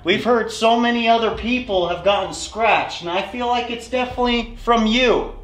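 A young ghost hunter speaks into the dark in a hushed, low tone, his voice sitting fairly high. The sound bounces around a bare, echoey room inside an old building. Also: normal speed. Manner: addresses spirits in a low, hushed tone. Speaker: paranormal investigator. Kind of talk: ghost-hunting vlog.

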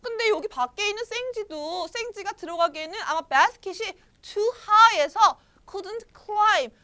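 A woman's voice: extremely high pitch, lively intonation, unhurried, pushed and bright. A woman reading an English storybook aloud to children and explaining it, quizzing her young listeners in a sing-song way.

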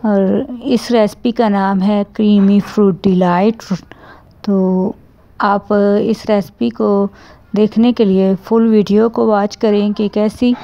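Cooking vlog host, woman, Pakistani Urdu accent, unhurried and mellow, gently devout. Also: medium pitch, fairly even intonation, lo-fi sound. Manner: slow, gentle, with pious blessings. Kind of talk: recipe vlog narration.

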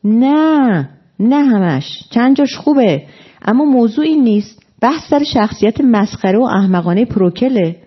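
A woman's voice: on the low side, close to an everyday voice. A woman reading an indignant male playwright. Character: irritated, breathless male playwright in a heated quarrel. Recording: dull lo-fi recording.

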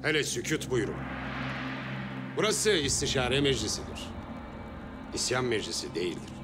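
An actor playing an earnest, middle-aged guild sheikh in a historical drama, speaking in a measured, admonishing way. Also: male voice, medium pitch, very animated, over music, natural voice. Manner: measured, admonishing, commanding when needed. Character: earnest male guild sheikh leading a council.

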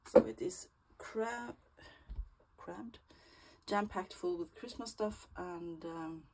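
A crafting vlogger with a low, gravelly voice, stuffed up by a cold, talks slowly through a casual walkthrough in her small craft room. She shifts between easygoing chat and half-whispered murmurs to herself as she works. Steady background noise and clicks run through the recording.

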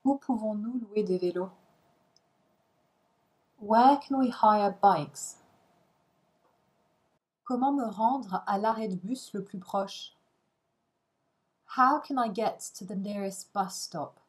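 A woman's voice: medium pitch, slow pace, pauses often, a little mellow, rough recording. A woman reading short phrases for a language lesson, each one followed by its translation. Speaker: language teacher.

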